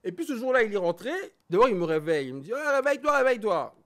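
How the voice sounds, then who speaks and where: Animated Congolese-raised man, lively voice. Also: sits high, racing. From born in Belgium, raised in Congo. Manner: animated, emphatic, switching between French and Lingala. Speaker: interview guest. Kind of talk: candid personal interview.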